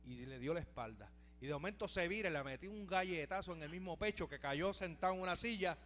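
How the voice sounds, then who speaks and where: A man's voice: on the high side, lively intonation, fast talker, fairly bright tone, a little hiss or hum. Fervent Puerto Rican preacher man. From Puerto Rico. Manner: fervent, peppered with hallelujahs. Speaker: preacher giving testimony. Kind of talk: evangelical sermon testimony. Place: church.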